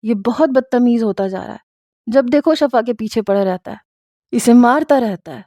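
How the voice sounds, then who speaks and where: A woman's voice: a little high, dark tone, no room sound, clean studio sound, lightly acted. A woman doing a resentful young wife. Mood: reproachful. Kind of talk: storybook reading.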